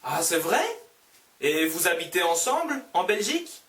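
A man voicing a young Korean student who works as a waiter, in a slow, carefully spoken textbook dialogue. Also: high voice, sing-song, a bit bright, roomy sound, distant mic, full character voice. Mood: curious.

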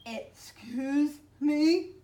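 Woman voicing a gooey sniffly lady monster, loud, polite, stretched words, storybook, distant mic. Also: high voice, extremely slow, pitched above the performer's own voice. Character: sniffly slimy female mucus monster. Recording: distant mic, faint background noise.

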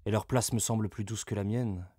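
A man voicing a calm, thoughtful young queen in a soft, measured tone. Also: lowish voice, husky, no room sound, studio quality. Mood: wistful.

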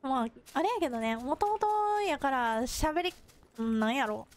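A woman's voice: high-pitched, lively intonation, normal speed. A woman with a Kansai accent, chatting casually and rambling to herself while live-streaming a game. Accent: Kansai Japanese. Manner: rambling self-talk between game remarks.

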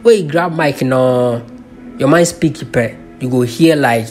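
A man's voice: mid-range voice, slow, a little mellow, soft background music. A man with a Ghanaian accent hosting a channel, giving a chatty commentary voice-over that mixes Pidgin into English. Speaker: channel host.

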